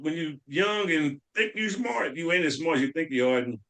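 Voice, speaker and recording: A man with a fairly high, bright voice tells a rambling story to his friends on a podcast. He laughs often and stalls on fillers as he goes. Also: moderate pace. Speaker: podcast co-host. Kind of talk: casual storytelling among friends.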